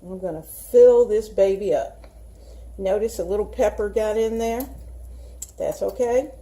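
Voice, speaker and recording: Unhurried and warm, this woman's mid-range voice carries a Southern US accent. As host of a casual home cooking show, she talks to viewers in a folksy way while demonstrating a dish.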